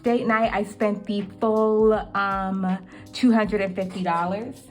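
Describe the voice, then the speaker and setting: Going over her monthly budget slowly in a casual vlog, a young woman speaks at medium pitch in a steady tone, her voice cracking slightly. She's chatty and says um a lot, and soft music plays in the background.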